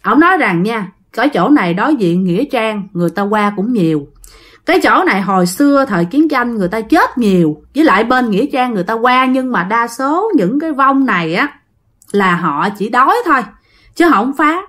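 A woman's voice: a little high, a little fast. Woman telling a ghost story, chatty, voice jumps all over. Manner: animated, conversational.

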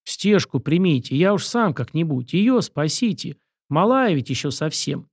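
A man's voice: fairly high pitch, lively intonation, moderate pace, breathy edge, no room sound, studio quality, voice pushed up. A man voicing a frightened, ragged ten-year-old street boy who pleads in rustic speech. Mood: pleading.

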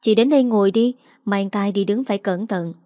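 A woman voicing a brisk young woman who scolds and nudges her brother. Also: medium pitch, warm tone, no room sound, studio quality, close to an everyday voice. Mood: caring.

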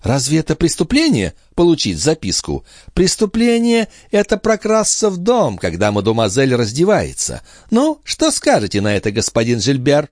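A man's voice: medium pitch, wildly swooping pitch, normal speed, few pauses, a little mellow, no echo, clean studio sound, pitched above the performer's own voice. A man voicing an indignant young maid who threatens and reproaches, in an audiobook. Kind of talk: audiobook character reading.

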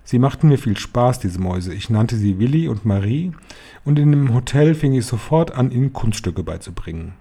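A man reading a children's novel aloud in a calm, even storytelling voice. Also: medium pitch, normal speed, husky. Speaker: reader. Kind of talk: audiobook narration.

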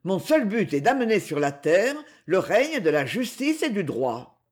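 A reader voicing a stern, courteous brigand king who speaks gravely and with conviction. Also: sits high, big pitch swings, unhurried, heavily acted. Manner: cool, courteous, solemn.

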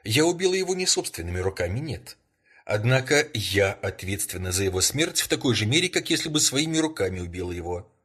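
A man reading an audiobook, voicing a calm young woman as she confesses in a quiet, earnest way. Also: fairly low pitch, fairly quick, breathy edge, pitched above the performer's own voice, full character voice. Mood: grave.

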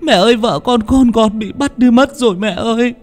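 A man's voice: very high voice, normal speed, faint music behind, voice pushed up. A man voicing a desperate, grief-stricken young husband who cries out in strained, wailing tones. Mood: anguished.

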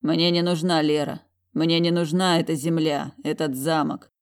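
A woman voicing a commanding, possessive male dragon general in an audiobook, stubborn and low, tender when he is close. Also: level tone, normal speed. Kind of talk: audiobook reading.

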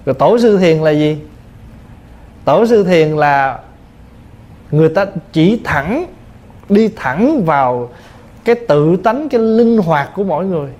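A man's voice: a little high, sing-song, a little slow, pauses often, darkish tone, dull audio. A male Buddhist monk teacher giving a dharma talk, explaining patiently through simple everyday examples. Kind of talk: dharma talk answering questions.

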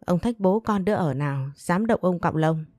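A woman reading a cheeky, loud-mouthed younger brother. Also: on the low side, expressive, normal speed, dry recording, studio quality, faint music behind, close to an everyday voice. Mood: defiant. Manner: defiant, cheeky.

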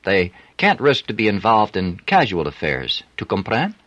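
A man's voice: on the low side, wildly swooping pitch, normal speed, fairly bright tone, no echo, dull audio, pitched above the performer's own voice. Man doing a flirty French streetwalker. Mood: teasing. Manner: teasing, coaxing, broken English.

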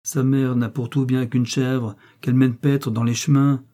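A man reading an audiobook, voicing an angry, contemptuous peasant mother who scolds in loud outbursts. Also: medium pitch, level tone, measured pace, close to an everyday voice. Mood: scornful, furious. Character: angry scornful peasant mother, older woman.

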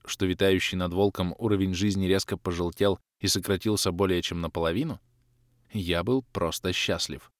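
A man narrating a first-person fantasy adventure, lively and shouting out the dialogue lines. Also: on the low side, no echo, clean studio sound. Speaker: audiobook narrator. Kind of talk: scripted narration.

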